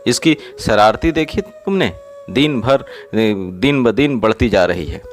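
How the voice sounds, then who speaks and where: A man's voice: medium pitch, moderate pace, faint music behind, voice pushed up, close to an everyday voice. A man voicing a stern, short-tempered father who scolds his son in a narrated story. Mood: angry.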